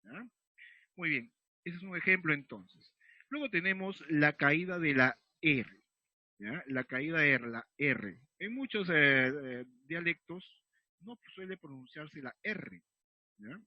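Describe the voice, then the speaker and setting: A man's voice: a little high, expressive, slow pace, no room sound, dull audio. A male secondary school teacher, explaining a recorded lesson patiently and checking in with his students after almost every sentence. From Peru. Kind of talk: recorded remote class lesson.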